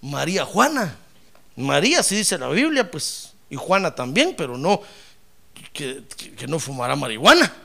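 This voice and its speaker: A male preacher delivering a sermon with a high, bright voice that leaps all over the place. His tone is gravelly, and he drives the message home with rhetorical questions, touches of humor and loud exclamations of praise. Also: sing-song, moderate pace.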